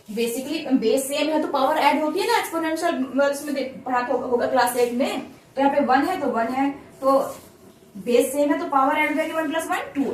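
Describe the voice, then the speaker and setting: A woman's voice: sits high, slight background noise. A woman teaching a math lesson, patiently repeating steps and checking that students follow. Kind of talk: classroom lesson explained at a whiteboard. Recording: echoey room, voice a bit far from the mic.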